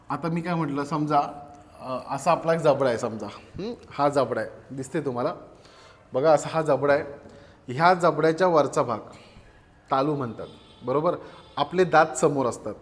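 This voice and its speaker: Guy teaching grammar to a class, keeps repeating stuff back to students, voice rings around a big echoey room. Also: on the high side. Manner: asks questions and answers them himself, repeats terms.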